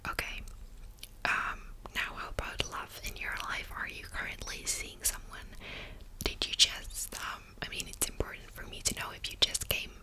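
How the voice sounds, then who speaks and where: Whispered role-play: woman as attentive female psychologist, fully whispered and breathy, patient active listener, gentle questions with thoughtful pauses. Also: close to an everyday voice, rough recording.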